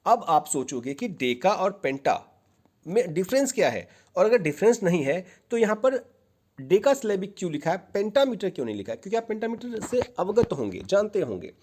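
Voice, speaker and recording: A man's voice: high-pitched, sing-song, fairly quick, a little mellow. A male teacher giving an exam-prep lecture, patiently explaining and repeating key points, mixing English terms into his Hindi. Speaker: literature teacher.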